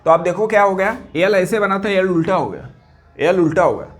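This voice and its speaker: A man's voice: sits high, fairly quick, faint music behind. A male physics teacher giving an exam-prep lecture, asking questions and answering them himself, mixing English terms into his Hindi and repeating key words for students.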